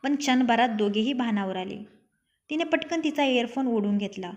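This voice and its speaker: A woman's voice: a little high, moderate pace. A young woman narrating her own written love story, reading every character's lines herself.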